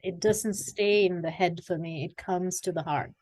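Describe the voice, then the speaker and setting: Heard on a rough recording, this executive coach, a woman in her forties who grew up in Sri Lanka, talks through her story as an interview guest. Her pitch is fairly low, her tone steady, and her pace moderate, and her conversational storytelling is reflective and warm, with fillers throughout.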